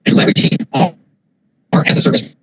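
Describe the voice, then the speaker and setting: A man's voice: a little fast, no echo. A man giving a remote business keynote, his voice choppy and breaking up over a failing video call. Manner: fluent corporate pitch, lists points. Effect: choppy, breaking-up video call audio. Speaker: tech executive presenter.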